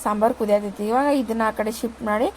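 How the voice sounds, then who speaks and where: Lady rambling thru a cooking vlog, kinda high voice, faint hum behind. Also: fairly quick, darkish tone, rough recording. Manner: chatty, rambling, addresses viewers with "ri". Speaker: vlogger. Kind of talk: casual cooking narration. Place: home kitchen.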